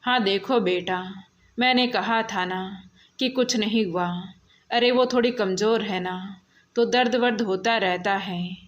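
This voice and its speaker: A woman voicing a cruel, scheming middle-aged mother-in-law who scolds and threatens, in a slow storybook telling. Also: medium pitch, highs cut off, lightly acted. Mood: coaxing.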